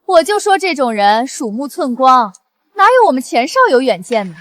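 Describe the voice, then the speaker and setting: Haughty ex-wife, high voice, lively, mocking, dry. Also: female voice, normal speed, no echo. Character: snobbish young ex-wife, scornful. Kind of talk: short-drama acting.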